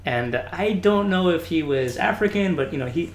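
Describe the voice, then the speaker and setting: A man in casual chat, telling boot camp stories in an animated way and often saying "like". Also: fairly high pitch, normal speed, roomy sound. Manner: animated storyteller who often says "like".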